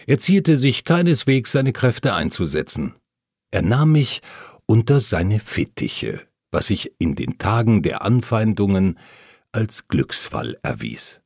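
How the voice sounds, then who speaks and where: A man reading a first-person memoir aloud, telling the story calmly and plainly while voicing the quoted lines. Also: lowish voice, takes it slowly, gravelly, no room sound, clean studio sound. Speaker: audiobook narrator.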